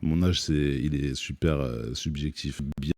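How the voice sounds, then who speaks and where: Very deep-voiced man, dark and dry. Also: unhurried, no room sound. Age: 30s. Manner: hesitant, many fillers and restarts, joking. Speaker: rapper guest on a live music stream. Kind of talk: relaxed live Q&A chat. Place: studio set.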